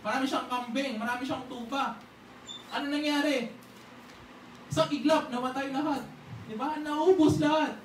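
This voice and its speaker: A high-pitched preacher speaks at normal speed with fairly even intonation, pausing often during a sermon. The delivery is conversational, peppered with "di ba?" and acted-out prayers. An echoey church hall, a far-off voice, and faint hiss define the recording.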